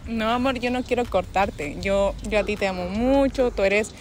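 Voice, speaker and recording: A woman's voice: mid-range voice, moderate pace, slight background noise. A young woman outdoors in a park, speaking into a handheld mic, coaxing and pleading with her boyfriend during a street prank. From Peru. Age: young adult. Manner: coaxing, pleading, then indignant. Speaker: prankster girlfriend.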